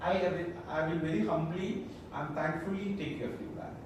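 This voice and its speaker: A man's voice: fairly high pitch, fairly even intonation, normal speed. Malayalam-accented male trainer in an echoey room. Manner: rhetorical questions, checking that listeners follow. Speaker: corporate trainer leading a discussion session. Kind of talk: interactive training talk to an audience. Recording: echoey room, distant mic, loud background noise.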